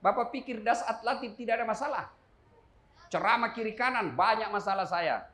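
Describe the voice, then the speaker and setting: A middle-aged man preaching a humorous sermon to a live audience, swinging from loud, high emphasis to low asides and questioning his listeners. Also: animated, a little fast, echoey room.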